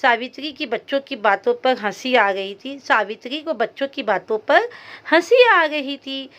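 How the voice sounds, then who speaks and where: A woman's voice: high voice, lively intonation, measured pace, fairly bright tone, dull audio. A woman teacher reading a story aloud to young students, stopping to explain hard words along the way. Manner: talks straight to young students.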